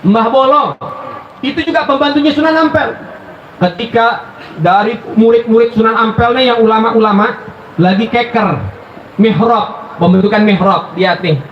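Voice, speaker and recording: A high-pitched man delivers an animated storytelling sermon, calling out to his listeners as brothers. His voice rings through an echoey hall, captured on a dull, muffled recording with a faint hiss behind it. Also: normal speed, pauses often. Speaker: preacher.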